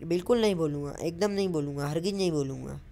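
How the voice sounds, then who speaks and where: A woman's voice: sits low, quick pace, dark tone. A woman voicing a mischievous young man in a comic voice-over dub, begging and teasing. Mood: wheedling.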